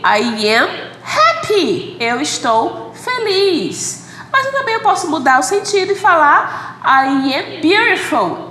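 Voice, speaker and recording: A woman's voice: sits high, a bit bright. A woman with a Brazilian Portuguese accent, an English teacher giving a recorded online lesson, who explains patiently and keeps checking with "ok?". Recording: echoey room with faint background noise.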